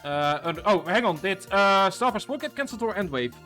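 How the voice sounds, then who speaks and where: A man's voice: sits high, expressive, fairly quick, bright, forceful tone, faint music behind. Chatty man streaming a game. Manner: chatty, rambling, self-interrupting. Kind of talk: casual gameplay commentary.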